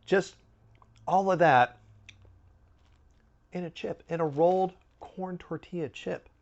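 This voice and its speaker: A man's voice: high-pitched, slow, creaky, dull audio. A man giving a casual, chatty snack review with wry, joking asides.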